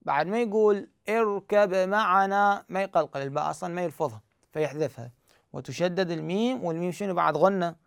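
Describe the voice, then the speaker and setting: A man's voice: on the high side, fast, vocal fry, no echo, clean studio sound. A man teaching the rules of recitation, explaining step by step and answering his own questions. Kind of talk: tajweed lesson.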